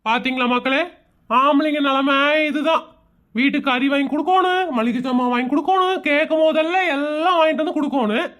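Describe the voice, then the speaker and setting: A woman's voice: sits high, brisk, fairly bright tone. A woman voicing an aggrieved husband who complains straight to the audience in a comedy cartoon. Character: grumbling husband, adult man, aggrieved complainer.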